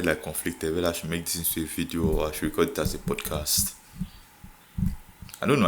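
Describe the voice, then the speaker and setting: A man's voice: sits low, a bit bright, slight background noise. A young man from Nigeria with a Nigerian accent, chatting casually to camera, laughing often and filling with "like". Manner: laughs often, code-switches, repeats filler "like". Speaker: vlogger.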